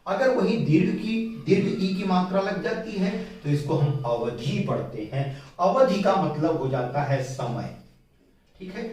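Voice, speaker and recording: A man teaching a Hindi spelling lesson, explaining slowly and repeating his key points with patience. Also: on the high side, a little mellow. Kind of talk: whiteboard grammar lesson. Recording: very echoey room, mic at a distance.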